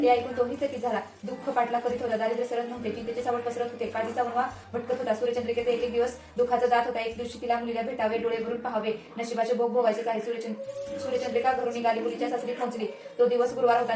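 A woman storyteller reading a devotional folk tale aloud in a brisk, steady way. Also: on the high side, roomy sound, recorded from a distance, poor audio.

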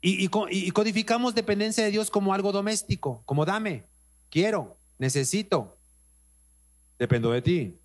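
A man's voice: high voice, moderate pace. A man with a Mexican accent preaching a sermon as pastor, emphatic, repeating phrases and speaking straight to the congregation. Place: church.

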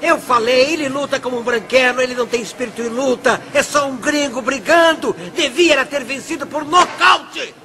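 An actor playing an angry, scornful fight promoter in a Brazilian dubbed film drama. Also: male voice, extremely high pitch, brisk, hardly any pauses. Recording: film soundtrack with music behind.

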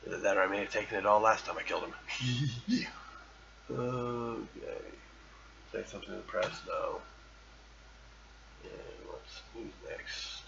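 A man with a low, very gravelly voice talks his way through an old online game, reading its messages aloud and boasting with playful bravado. The sound is muffled and lo-fi, with a faint hiss underneath. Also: a little slow, pauses often. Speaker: podcast host. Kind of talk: casual gameplay commentary.

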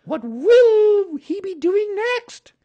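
A storybook reader voicing a brisk, motherly female kangaroo who soothes and scolds in a singsong manner. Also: very high voice, sing-song, mellow, highs cut off, pitched above the performer's own voice, heavily acted. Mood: soothing.

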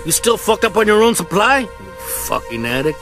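A man's voice: sits high, big pitch swings, brisk. A man voicing an arrogant, cornered cocaine kingpin who curses with contempt in a video game cutscene. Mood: scornful. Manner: scornful, cursing. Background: music.

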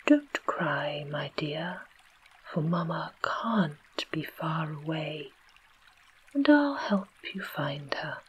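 English woman doing a gruff tiger with a soft heart, whispered role-play, low and slow. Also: animated, full character voice.

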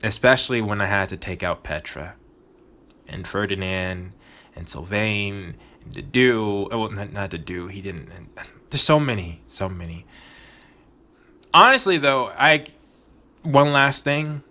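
A man's voice: lowish voice, expressive, unhurried, bright, forceful tone. A man hosting a gaming channel, talking earnestly and reflectively about his playthrough in casual commentary. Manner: earnest, reflective, thinking aloud.

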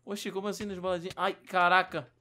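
Young Brazilian male gaming host, high and fast, frantic excited commentary. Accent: Brazilian Portuguese. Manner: frantic, shouting during fights. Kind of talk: excited Minecraft let's-play chatter.

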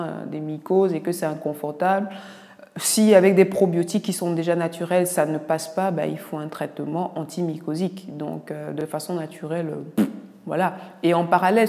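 In a casual video Q&A, a doctor from Cameroon answers viewers' questions with frank teasing and blunt asides, her Cameroonian French accent clear. Her lowish voice is creaky and warm, and the sound suggests a big room.

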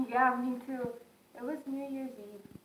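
A woman's voice: sits high, fairly even intonation, slow. A young woman voicing a determined female detainee who talks urgently and earnestly. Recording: echoey room, faint noise.

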